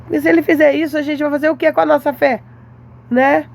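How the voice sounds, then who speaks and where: A Brazilian woman giving a devotional testimony to viewers, telling a lively story and acting out her mother's lines. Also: sits high, quick pace, gravelly, a little hiss or hum. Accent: Brazilian Portuguese.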